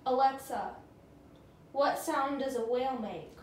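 A woman speaking deliberately in a casual home video, giving voice commands to a smart speaker with pauses after the wake word. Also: high-pitched. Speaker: pet owner questioning a smart speaker. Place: carpeted room in a home. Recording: roomy echo, faint background noise.

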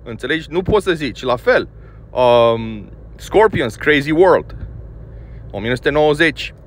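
A man's voice: on the high side, lively intonation. A man from Romania giving a blunt, scolding opinion monologue about a band, full of filler words. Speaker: music commentator.

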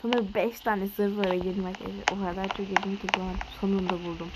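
A woman giving casual commentary on a game, chatting to her viewers and often dropping into a low murmur. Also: level tone, fast, heavy background noise. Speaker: gaming youtuber.

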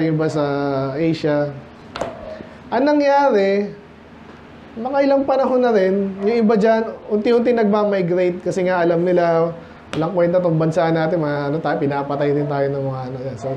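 A man's voice: high-pitched, dark tone, highs cut off, a little hiss or hum. A Filipino man preaching a sermon as pastor, switching between Tagalog and English and firing rhetorical questions at the congregation. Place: church.

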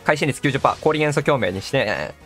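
A man doing excitable live gameplay commentary as a streamer. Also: medium pitch, a little fast. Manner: excitable, exclaiming, echoes game lines. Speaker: gaming streamer. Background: game music and sound effects.

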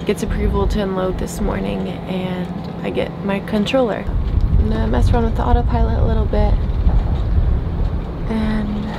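A sailing vlogger in her twenties films a casual selfie vlog on a sailboat deck at anchor, holding the camera at arm's length and chatting while thinking aloud with fillers. Her mid-range voice is gravelly and moderately paced, with little pitch movement. Wind and water noise fill the outdoor recording.

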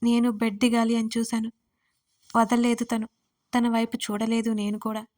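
A woman narrating a first-person romance story in a soft, emotional way. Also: fairly high pitch, completely flat delivery, moderate pace.

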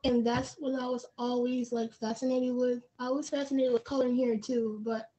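A woman's voice: on the high side, little pitch movement, normal speed, mellow. A teenage girl answering on a student panel, plain-spoken and casual. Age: teens. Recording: dull lo-fi stream audio.

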